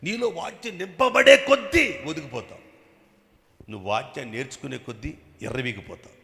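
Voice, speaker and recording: A man preaching a sermon as bishop with a Telugu accent, emphatic, swinging from loud bursts to quiet asides and prodding the congregation with questions. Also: a little high, animated, fairly quick, vocal fry. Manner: emphatic, bursts loud then drops soft, prods the crowd with questions. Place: church hall with long reverb. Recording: echoey church hall.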